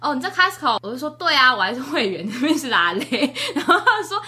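Bright-voiced young woman telling stories. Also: high voice, fast. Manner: animated, laughs often, acts out quoted dialogue. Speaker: podcast co-host. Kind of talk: casual storytelling chat.

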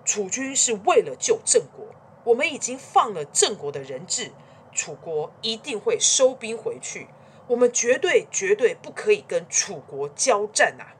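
A cautious, loyal adviser to an ancient duke, earnest and pleading as he urges restraint, voiced by a woman storyteller. His pitch rises and falls with lively swings. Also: normal speed, slight background noise, natural voice.

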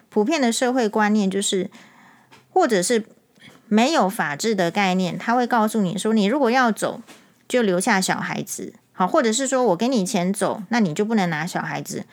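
A middle-aged woman eye doctor, telling stories on her podcast in a casual, animated, indignant way. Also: medium pitch. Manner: animated, indignant, emphatic when retelling. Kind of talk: casual storytelling monologue.

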